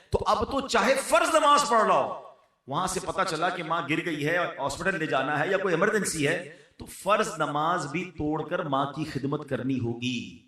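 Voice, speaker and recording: A man with a Pakistani Urdu accent giving an earnest religious sermon, rising to emphatic lines and dropping to soft ones. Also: a little high. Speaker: preacher. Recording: echoey hall, voice from far off.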